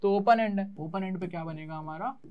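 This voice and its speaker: A man's voice: high voice, fairly quick, phone-quality sound. A young Indian man teaching physics in an online class. He mixes Hindi and English terms and answers his own questions in a student's voice.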